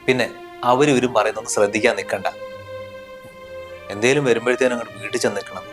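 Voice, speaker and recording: A protective young husband, acted by a man speaks quickly and firmly, indignant one moment and reassuring the next. His pitch sits mid-range, with faint music underneath. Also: steady tone, lightly acted. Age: young adult. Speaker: husband and son. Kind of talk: family short film acting.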